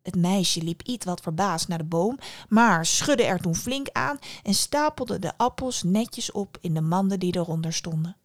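A woman podcast host narrating a fairy tale in a calm, expressive way. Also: on the low side, a little slow, no room sound, studio quality.

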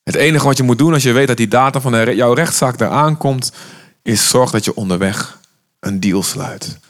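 A man's voice: mid-range voice, moderate pace. Impassioned male preacher. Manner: urgent, impassioned preaching, acting out Jesus' words. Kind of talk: sermon.

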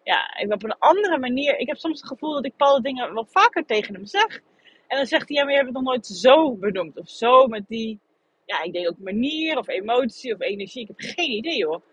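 A woman's voice: on the high side, big pitch swings, fairly quick, breathy edge. A woman hosting a podcast, speaking candidly and thinking aloud in a reflective personal monologue. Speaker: podcast host. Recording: dull lo-fi recording.

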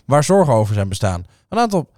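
A man's voice: mid-range voice, very animated, fast talker, a little mellow, no echo, clean studio sound. Rambling jokey male podcast host. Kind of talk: casual comedic chat.

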